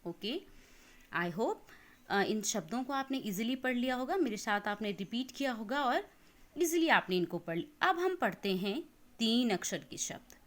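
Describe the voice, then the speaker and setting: A woman teacher with an Indian accent giving an online lesson to young children, reading words slowly syllable by syllable and mixing in English words. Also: on the high side, animated. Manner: slow, exaggerated syllable-by-syllable reading aloud.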